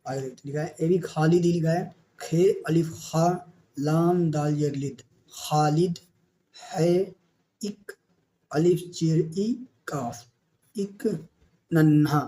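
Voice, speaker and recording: A male teacher giving a beginner Urdu reading lesson with an Indian Urdu accent, spelling out letters and syllables slowly and asking questions he answers himself. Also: fairly high pitch, warm tone.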